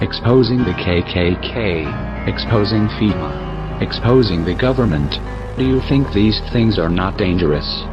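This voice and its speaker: A man speaking in a disguised deep voice, reading a scripted statement in a grave, steady, declaiming manner. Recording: dull lo-fi sound with music behind.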